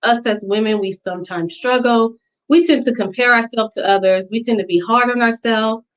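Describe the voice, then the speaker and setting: A woman gives an earnest, heartfelt pitch for her salon business. Her voice sits a little high, and she speaks with sincere feeling. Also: normal speed, rough recording. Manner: earnest and emotional, fighting back tears at times. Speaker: business pitch contestant, hair stylist. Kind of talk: virtual business pitch presentation.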